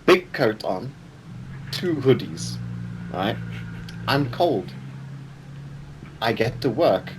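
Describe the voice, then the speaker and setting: A man's voice: mid-range voice, sing-song, very slow, long pauses, background noise. A young man co-hosting a podcast, chatting casually in a laid-back, slangy way. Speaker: podcast co-host. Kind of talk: casual chat.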